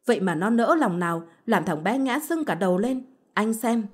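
A woman's voice: medium pitch, expressive, moderate pace, slightly rough. An older mother-in-law scolds shrilly in this read-aloud story, voiced by a woman narrator. Her lines come out accusing and biting. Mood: furious.

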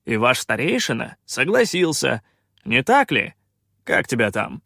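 A man's voice: medium pitch, big pitch swings, a little slow, creaky, pushed and bright, no room sound, clean studio sound, exaggerated voice. A man voicing a cocky, sarcastic male pirate captain who snaps back with irritated scorn. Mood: scornful. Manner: scornful, irritated, coolly offhand.

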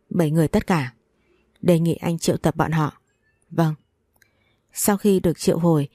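Woman storyteller, low voice, steady plain delivery, dry close recording. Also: no echo. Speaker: story narrator. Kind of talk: storybook reading.

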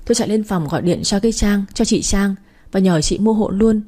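A woman narrates a first-person story in a lively storytelling manner. Her voice is mellow and warm, with a slight husky breathiness. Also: medium pitch, a little fast.

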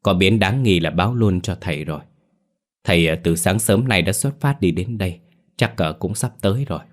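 A man voicing a calm old village grandfather. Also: deep voice, a little fast. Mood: reassuring. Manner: reassuring, hesitant with fillers.

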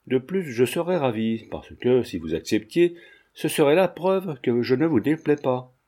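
A man reading the part of a self-assured, flirtatious gentleman, bold and insistent. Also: medium pitch, big pitch swings, moderate pace.

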